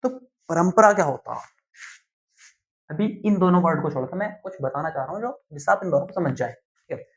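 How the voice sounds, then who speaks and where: A young male teacher lectures slowly and deliberately, pausing often to check that students follow. His voice sits a little high for a man. The recording sounds dull and lo-fi. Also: expressive. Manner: slow, deliberate explaining with frequent "theek hai" check-ins. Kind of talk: classroom lecture.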